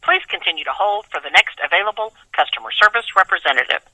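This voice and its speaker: A man's voice in a recorded phone hold message, giving a brisk, even scripted announcement over a distant tinny phone line. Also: high voice, no echo.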